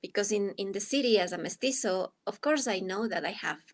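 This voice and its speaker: A woman from Ecuador, a dance artist and anthropologist appearing as a guest, answers interview questions with an Ecuadorian Spanish accent. Her mid-range voice moves a little fast, yet she sounds reflective and hesitant, searching for words.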